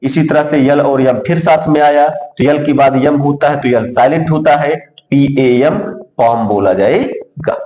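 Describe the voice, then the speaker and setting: A man's voice: fairly high pitch, measured pace, few pauses, mellow. A man teaching a classroom lesson. He asks questions and then answers them himself. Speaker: English teacher. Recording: echoey room.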